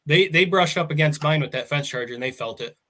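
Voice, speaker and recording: A man's voice: on the high side, quick pace, pushed and bright. Casual rambling farmer man. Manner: rambling, storytelling, laughs often. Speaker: farmer guest. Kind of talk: casual chat.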